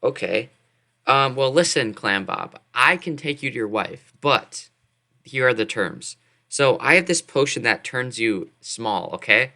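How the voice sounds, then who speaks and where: A man plays a tabletop game, animated and often stumbling into restarts. His voice is strongly bright and forward, at an ordinary pitch. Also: unhurried, vocal fry. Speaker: player. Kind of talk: casual tabletop play.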